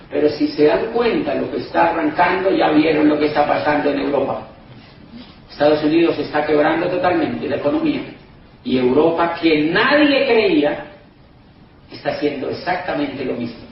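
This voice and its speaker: Emphatic high-voiced man in an echoey hall. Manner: emphatic, repetitive, keeps addressing the crowd as "señores". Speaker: motivational business speaker. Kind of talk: persuasive speech to a live audience. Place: event hall in Madrid. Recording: very echoey hall, distant mic, dull sound, faint noise.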